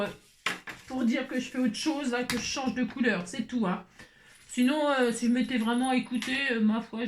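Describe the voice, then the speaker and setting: A woman hosting a casual crafting tutorial, chatty and exasperated, constantly adding "hein". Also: a little high. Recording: echoey room, faint noise.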